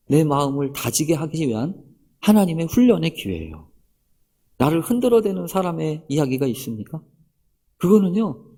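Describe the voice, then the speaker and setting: A man's voice: a little high, dark tone, breathy edge. A man preaching a sermon as pastor, speaking straight to the congregation with many rhetorical questions.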